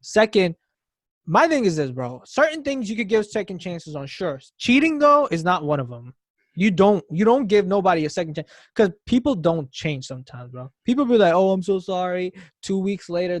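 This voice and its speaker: A man co-hosting a casual podcast chat, animated and blunt, getting loud when he quotes others. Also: high-pitched, moderate pace, no room sound, clean studio sound. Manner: animated, swings to loud mock crying when quoting. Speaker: podcast co-host.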